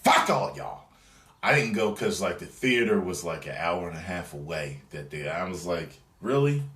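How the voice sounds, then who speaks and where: A man's voice: low-pitched, moderate pace, reverberant. A man giving a casual, profane, rambling review of a movie trailer, acting out scenes as he goes. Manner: animated, rambling, acts out scenes in voices.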